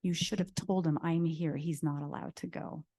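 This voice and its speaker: A furious young wife, indignant and accusing, hurls her demands at the servant who let her husband go. The voice sits low and mellow, as a woman lecturer puts her on mid-story. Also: fairly even intonation, moderate pace.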